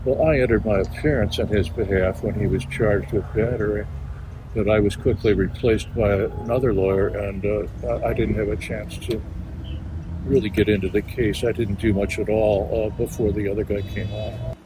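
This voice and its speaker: An older retired lawyer with a lowish voice looks back on a case, pausing often and searching for his words. Traffic and street noise are clearly heard behind him at an outdoor spot. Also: fairly even intonation. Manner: measured, hesitant, many uh pauses. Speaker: retired attorney. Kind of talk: interview recollection.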